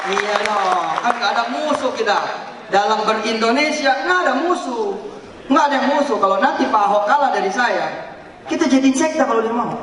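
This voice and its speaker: A high-voiced man delivers a playful, animated sermon. His voice carries from far off in a big hall with long, heavy reverb. A faint hum sits under the whole recording. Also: moderate pace, crowd noise. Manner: animated, jokey, mixes in English and Arabic phrases, chants sounds. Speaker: preacher. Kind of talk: lively sermon to a crowd.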